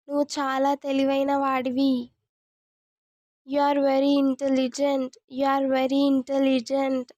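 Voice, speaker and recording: A woman, teaching English as a language lesson, saying each sentence twice in a slow, deliberate way. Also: high voice, completely flat delivery, a little mellow, dry recording, muffled recording.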